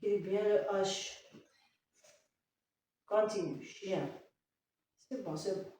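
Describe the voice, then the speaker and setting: Slow patient woman teacher, echoey classroom. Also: medium pitch, fairly even intonation, dark tone. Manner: patient, slow, corrective, spells out letters. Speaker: primary school teacher. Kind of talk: dictation lesson with a child. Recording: echoey classroom, mic far off, faint noise.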